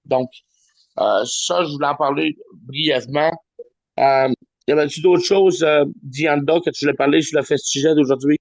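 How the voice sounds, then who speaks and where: A man hosting a weekly video call, halting with many restarts. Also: on the high side, steady tone, dry recording. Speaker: host of a weekly Zoom meeting. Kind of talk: informal presentation on a video call.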